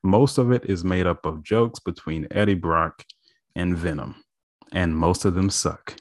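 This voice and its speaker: A man with a very low voice gives blunt verdicts in a casual chat, often stumbling on his first words. The sound is dry and close, with no room echo. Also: measured pace. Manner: blunt, stammering restarts. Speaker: movie review co-host.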